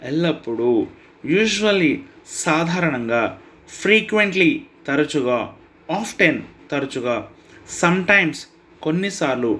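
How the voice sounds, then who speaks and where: A man teaching spoken English. He reads each phrase, then its meaning, and reads the promotions quickly. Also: on the high side, fairly bright tone. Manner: quick plain reading of channel promotions. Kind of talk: English phrase drill with Telugu translations.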